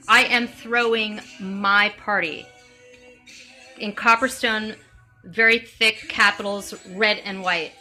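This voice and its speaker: A woman playing a comic character rambles through an improvised, comedic tutorial, acting out mock-dramatic examples. Her voice is medium-pitched, pushed, and bright.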